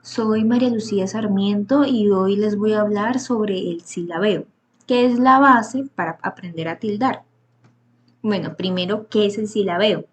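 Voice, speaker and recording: A woman's voice: medium pitch, unhurried. A woman presenting a grammar lesson as a student presenter, explaining step by step with some hesitant fillers and self-corrections.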